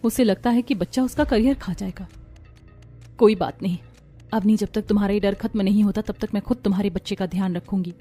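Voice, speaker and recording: एक महिला एक कार्टून कहानी में एक दयालु, परवाह करने वाली युवा माँ की आवाज़ दे रही है, सच्चे और कोमल अंदाज़ में।. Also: female voice, medium pitch, fairly even intonation, brisk, natural voice. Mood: caring. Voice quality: gentle, earnest. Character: kind caring young wife and mother. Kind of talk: Hindi cartoon voice acting. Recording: light music behind voice.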